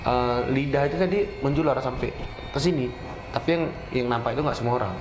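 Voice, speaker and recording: Man in a noisy, echoey room telling stories. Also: mid-range voice. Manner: halting, repeats words and phrases. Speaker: guest recounting a personal experience. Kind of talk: casual spoken storytelling of a supernatural experience.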